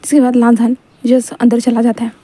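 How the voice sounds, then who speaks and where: A woman's voice: a little high, completely flat delivery, brisk, warm tone. A woman casually retelling a romance story, talking in a chatty, repetitive way with many restarts. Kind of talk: casual retelling of a fan-fiction story, voicing the characters' lines.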